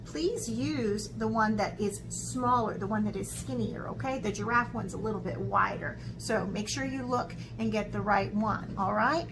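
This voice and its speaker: Speaking at normal speed with few pauses and a medium pitch, a woman hosts an instructional art video for kids, including read-aloud. She's encouraging and chatty, often asking quick check-ins like "okay?", and background noise is audible.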